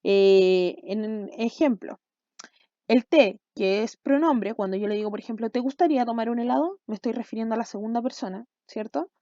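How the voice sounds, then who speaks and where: A woman teacher explains a language lesson for video, often checking in with her students with quick questions. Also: mid-range voice, warm tone, no echo, lo-fi sound.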